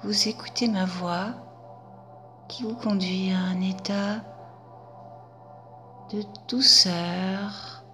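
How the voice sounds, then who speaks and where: Woman hypnotherapist: hushed, very slow, bright tone, faint music behind. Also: medium pitch, fairly even intonation. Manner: soft, half-whispered, drawn out. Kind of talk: guided hypnosis session.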